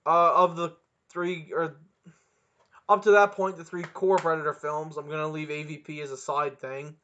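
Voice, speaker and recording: A man's voice: fairly high pitch, level tone, normal speed, sharp tone, slight background noise. Brash young man steering a podcast. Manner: brash, bantering, leads the discussion. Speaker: podcast co-host. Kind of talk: casual chat. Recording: dull lo-fi sound.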